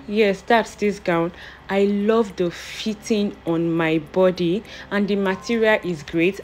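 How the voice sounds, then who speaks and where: A young vlogger with a Nigerian English accent and a mid-range voice narrates her clothing haul. She's chatty, playful and amused at herself. A slight hiss or hum runs underneath.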